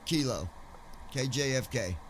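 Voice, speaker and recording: A man in casual chat with his viewers while streaming a flight simulator, laid-back and joking, slowing down to spell out codes. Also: medium pitch, lively intonation, slight background noise.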